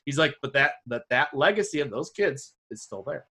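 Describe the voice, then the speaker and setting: A man's voice: expressive, moderate pace, bright, forceful tone, husky. A man and teacher in casual podcast conversation, telling rambling classroom stories and acting out the people he quotes. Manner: rambling storyteller, acts out quoted students with a high voice.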